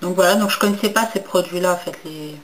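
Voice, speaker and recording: A woman's voice: fairly low pitch, fast talker, poor audio. A young woman chatting casually in a makeup haul video, hesitant with many fillers and restarts, and enthusiastic about packaging. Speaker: beauty vlogger.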